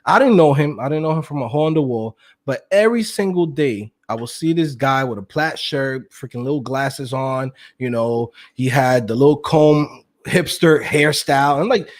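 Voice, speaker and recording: A young man telling his story as an interview guest, slangy and animated, acting out quotes with laughs. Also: mid-range voice, normal speed. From Queens, New York. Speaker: guest, web developer.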